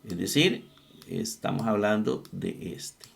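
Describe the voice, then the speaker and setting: A man with a gravelly, creaky voice teaches a Bible Greek lesson at a slow, unhurried pace. He works methodically, repeating each form and thinking aloud with small fillers as he searches. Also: lowish voice, animated. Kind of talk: slow screen-share lesson on Greek grammar.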